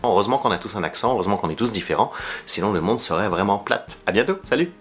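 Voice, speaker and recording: A man from Montreal with a Montreal French accent, talking in a quick, animated way. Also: on the low side, soft background music. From Montreal, Quebec.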